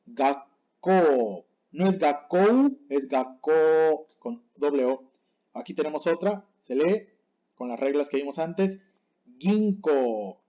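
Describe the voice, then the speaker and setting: A man teaching a pronunciation lesson over a dull, lo-fi recording, his voice mellow and a little higher than most men's. He is patient, repeats each word slowly to set right against wrong, and keeps checking in with his viewers. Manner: checks in with the class often. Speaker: language teacher. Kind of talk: explaining Japanese pronunciation on screen.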